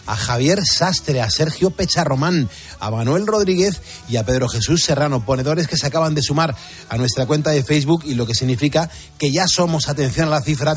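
A man from Spain with a husky voice, hosting live radio and talking with a listener. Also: a little high. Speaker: radio host.

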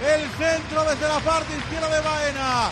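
A man with a Spanish accent from Spain giving breakneck football goal commentary, shouting excitedly and drawing out words. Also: extremely high pitch, measured pace. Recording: noisy stadium with loud crowd. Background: stadium crowd noise.

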